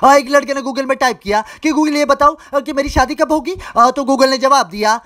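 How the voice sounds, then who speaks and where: A man's voice: very high voice, moderate pace, bright, forceful tone. A man doing stand-up, telling one joke after another and putting on voices for the characters. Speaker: comedian.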